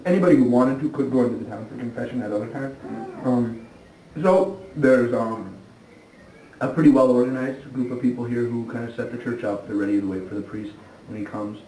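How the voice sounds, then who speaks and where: A male priest explaining things in a relaxed, casual way, thinking aloud as he goes. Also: medium pitch, fairly quick. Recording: echoey room, distant mic, faint noise.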